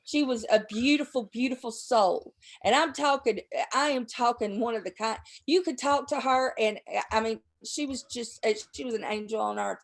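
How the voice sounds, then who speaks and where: A woman's voice: a little high, moderate pace, hardly any pauses. A woman hosting a livestream, talking in a heated, profane, rambling way, stuffy with a cold and a sore throat. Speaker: livestream host. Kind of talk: casual chat and angry rant.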